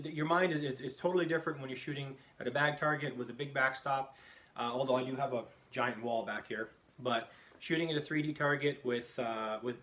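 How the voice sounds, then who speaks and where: A man's voice: mid-range voice, fairly bright tone. A man casually presenting a product review vlog in an echoing basement, rambling and often restarting his phrases. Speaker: host of a bowhunting video channel. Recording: echoey basement room, noisy background.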